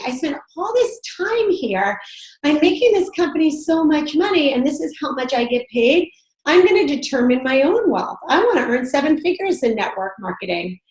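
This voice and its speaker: A hoarse woman getting over strep throat delivers an emphatic, confident motivational talk about network marketing on a conference call. Her voice is high-pitched, picked up by a phone or computer, and the rough recording has an echoey room sound.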